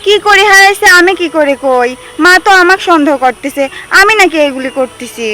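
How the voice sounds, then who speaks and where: An actress playing an earnest young village daughter-in-law who defends herself against suspicion. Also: female voice, very high-pitched, lively intonation, fairly quick, pushed and bright, exaggerated voice. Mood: hurt. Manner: pleading, defensive. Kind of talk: rural drama acting.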